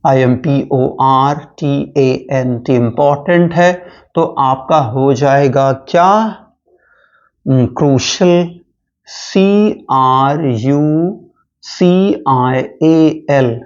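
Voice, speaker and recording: A man teaching English vocabulary for exams, slowly spelling out and repeating each word. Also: a little high, a little mellow, dull audio. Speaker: English teacher for exam prep. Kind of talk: vocabulary lesson, spelling words letter by letter.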